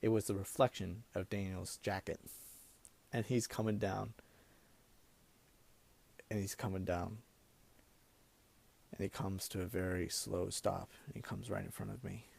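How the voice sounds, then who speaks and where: A young man telling a comic personal story in an animated way, now and then breaking into laughter. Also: low-pitched, unhurried, gravelly, pauses often, breathy edge.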